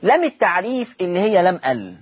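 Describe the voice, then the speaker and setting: A man's voice: sits high, sing-song, quick pace, slightly rough. A man with an Egyptian Arabic accent teaching Quran recitation on a televised lesson, patiently repeating each rule and quizzing his listeners.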